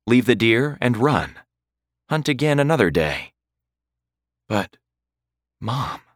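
A man voicing a frightened but defiant young male hunter who yells back at the creatures. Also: mid-range voice, sing-song, takes it slowly, no room sound, clean studio sound. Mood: anxious.

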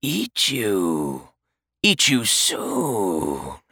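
A croaking, ravenous undead creature, put on by a man reading a storybook. It speaks in short, savage bursts, with a sound set apart from the reader's everyday voice. The delivery is slow and drawn out. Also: fairly low pitch, wildly swooping pitch, a bit bright, dry recording, clean studio sound, heavily acted. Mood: menacing.

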